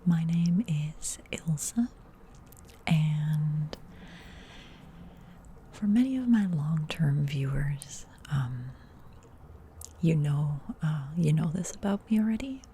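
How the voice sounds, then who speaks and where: Low gravelly whispering woman. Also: expressive, slow, pauses often, a little hiss or hum. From Netherlands. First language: Dutch. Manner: soft whisper, rambling and chatty with many fillers. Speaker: ASMR YouTuber. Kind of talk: whispered role-play.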